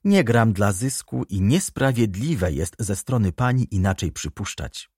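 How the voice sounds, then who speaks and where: A man's voice: on the low side, big pitch swings, breathy edge, no room sound, studio quality, full character voice. A man reading a stern, grave prosecutor. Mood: polite. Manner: stern, measured, quietly accusing. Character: grave former journalist, now royal prosecutor, man. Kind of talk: audiobook character reading.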